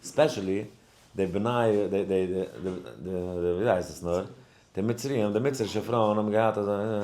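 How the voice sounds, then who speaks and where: Lower-voiced man teaching with lively storytelling. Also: roomy sound. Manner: animated, acts out dialogue in the story with sudden high pitch jumps; halting, many restarts and repeated words. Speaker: rabbi teaching a Torah class. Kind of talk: Torah lesson with storytelling.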